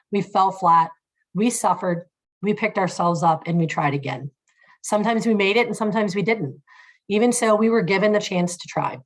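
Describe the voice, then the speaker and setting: A middle-aged woman giving a fast, conversational online presentation as a guest speaker, talking over a video call. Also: fairly low pitch. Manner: fast-paced, conversational with fillers.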